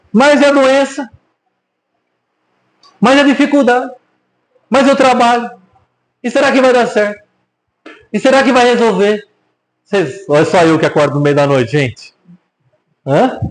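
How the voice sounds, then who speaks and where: Over poor audio, a high-pitched man with a Brazilian Portuguese accent preaches casually from the Bible. He keeps things lively with jokes and rhetorical questions aimed at his listeners.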